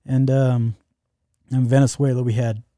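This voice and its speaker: A man's voice: medium pitch, little pitch movement, measured pace, warm tone, no room sound, studio quality. A man telling a travel story in casual chat, rambling with lots of fillers and restarts.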